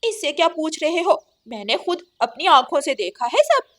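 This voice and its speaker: A mean sister-in-law crow from a cartoon, shrill and sneering, barking orders loudly in a high voice, as a woman puts her on. Every word drips with scorn. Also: very animated, normal speed. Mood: scolding. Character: harsh scolding female crow, sister-in-law.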